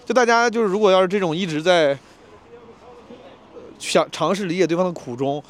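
A man telling a story in a casual monologue, animated and self-mocking, with frequent restarts and English phrases mixed in. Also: high-pitched. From China. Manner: fast, restless retelling with many restarts. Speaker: comedian telling a travel story.

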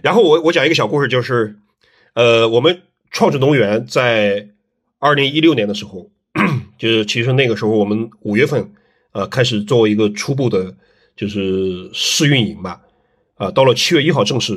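A middle-aged man, a landscape design teacher, telling stories in a relaxed interview with lots of fillers and tag questions. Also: medium pitch, moderate pace, husky. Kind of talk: casual interview storytelling.

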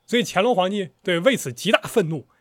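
A man with a fairly high voice walks through a piece of history in a casual chat. He talks with animation and drifts into a storyteller's rhythm. The sound is close and dry. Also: quick pace, dry recording. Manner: animated, slips into storyteller cadence. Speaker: podcast host explaining history.

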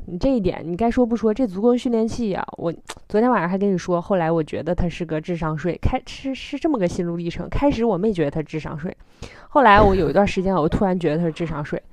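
A woman with a Northeastern Chinese accent chatting casually as a podcast co-host, telling stories in an animated, self-mocking way. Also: lowish voice, fast, no room sound. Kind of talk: casual chat.

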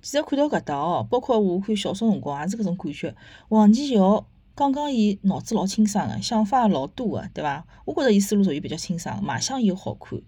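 Her medium-pitched voice swings widely in pitch as she talks fairly quickly, mellow with a breathy edge, captured dry. She hosts a book and theatre review podcast with a Shanghainese accent, chatting casually, reviewing and retelling, opinionated and fond of rhetorical tag questions.

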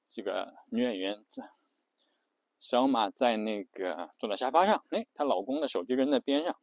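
Male storyteller, casual and halting, mid-pitched, dry recording. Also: a little mellow, dry recording. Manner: hesitant, many filler sounds.

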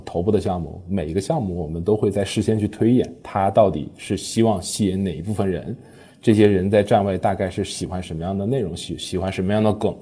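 A man with a low, dark voice and a husky edge speaks at a brisk clip. He is a guest on a podcast panel, explaining his platform's work on short dramas. His talk is full of fillers and quick self-corrections.

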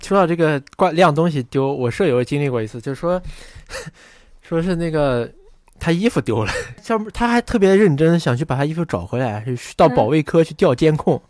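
A man's voice: a little high, animated, normal speed, darkish tone, dry recording. A young man in his twenties co-hosting a casual podcast, rambling through stories and joking along the way. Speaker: podcast co-host. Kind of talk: casual chat.

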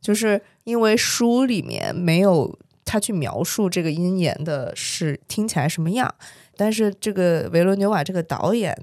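A woman's voice: lowish voice, a little mellow, dry recording, clean studio sound. Thoughtful woman in casual chat.

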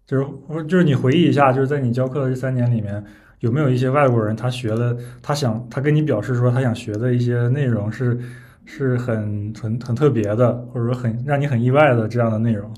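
Guy hosting a casual chat interview, soft-edged mellow voice, middle pitch. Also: fairly even intonation, fast. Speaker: podcast interviewer, host.

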